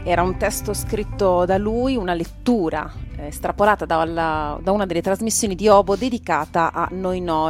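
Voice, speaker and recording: A woman hosting a radio talk show, speaking thoughtfully with hesitant fillers. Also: lowish voice. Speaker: radio host.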